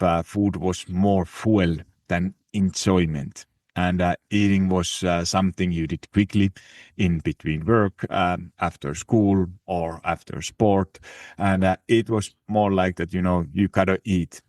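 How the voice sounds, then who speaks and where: A man's voice: sits low, a little mellow, no echo, clean studio sound. A Finnish-accented man hosting his fitness podcast in casual, hesitant talk full of fillers and restarts. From Finland. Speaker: podcast host. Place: living in Italy.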